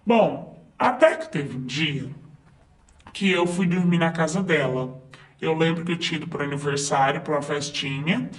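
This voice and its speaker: A man's voice: a little high, moderate pace. A man narrating a first-person story in a conversational way, with fillers and asides to the listener.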